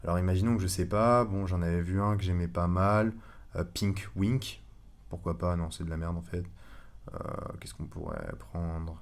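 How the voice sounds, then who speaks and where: Man, very low voice, casual screen tutorial, relaxed, frequent fillers. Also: moderate pace. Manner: relaxed, chatty, many fillers and self-corrections. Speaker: online course instructor.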